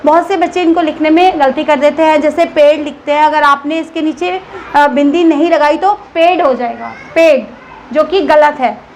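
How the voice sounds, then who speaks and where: A woman's voice: high voice, steady tone, moderate pace, a little hiss or hum. A woman school teacher giving a Hindi grammar lesson to children, repeating each word and checking in with the class.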